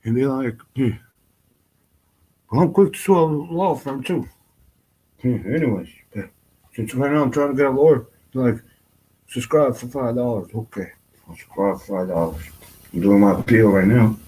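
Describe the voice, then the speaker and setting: A man's voice: mid-range voice, normal speed, pauses often, warm tone, husky, low-quality recording. A man talking in a rambling personal vlog, full of fillers, restarts and frequent swearing.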